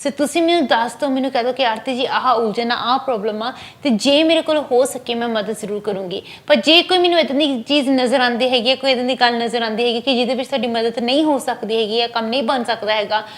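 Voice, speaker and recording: A woman speaks straight to her viewers as a spiritual reader on a live call-in show, her voice pitched high. She is earnest and reassuring, mixes English phrases into her talk and circles back over the same points. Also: fast talker, hardly any pauses. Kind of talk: direct-to-camera advice talk.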